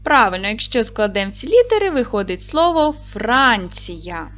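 A woman teacher giving a video lesson for young pupils, with clear, patient instructions and pauses for tasks. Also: on the high side, sing-song, a bit bright. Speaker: primary school teacher.

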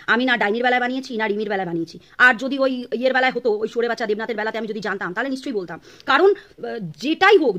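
A woman's voice: on the high side, fairly bright tone. A woman vlogger from Bangladesh delivering an angry, insulting rant to camera. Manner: scolding, insulting, rapid-fire.

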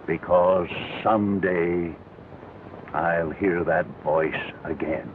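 An actor, playing an old blind marksman in a 1930s western, fatherly and resolved, speaking in a measured, earnest way. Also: sits low, fairly even intonation. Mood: grim. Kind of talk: 1930s film western acting. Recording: tinny noisy 1930s film soundtrack.

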